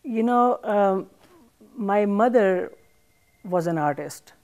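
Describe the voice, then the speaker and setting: An older woman, a Pakistani chef and author, answers interview questions slowly and thoughtfully, using frequent fillers. Her mid-range, slightly mellow voice has lively intonation, though the lapel-mic recording on the armchair-and-plant studio set sounds muffled.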